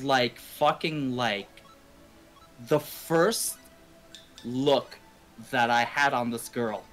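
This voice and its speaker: A young man from Canada, medium-pitched with a fairly bright tone, rambles through a slangy, profanity-laden story while game music plays beneath him on his stream. The recording quality is low.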